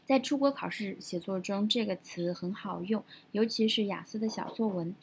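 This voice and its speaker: A woman teaching English vocabulary from a news story, explaining words step by step, spelling them out slowly and repeating them. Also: medium pitch, a little mellow, a little hiss or hum, rough recording.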